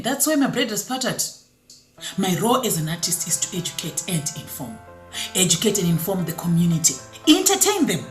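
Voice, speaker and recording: A woman from Zimbabwe gives a personal testimony, pressing her point with emphatic, repeated phrases. Her pitch rises and falls widely as she speaks. The recording sounds roomy, with soft music underneath. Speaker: artist and refugee.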